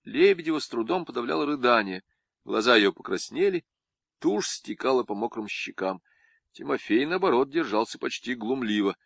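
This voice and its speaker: A man narrating an audiobook in a lively, expressive reading. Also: mid-range voice, moderate pace, gravelly, dry recording.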